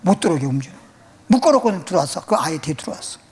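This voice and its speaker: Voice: medium pitch, sing-song, very fast, husky. A pastor preaching a sermon, telling a story dramatically and dropping to whispers at times. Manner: dramatic, swings from loud to whispered. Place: church.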